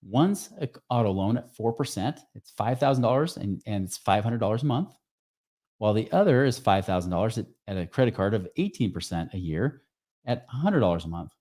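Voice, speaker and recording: A man coaches viewers on money in a casual, energetic talk. He is emphatic and asks rhetorical questions. His voice sits low, with a warm, mellow tone. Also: a little fast. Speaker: financial coach. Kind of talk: casual teaching talk to camera.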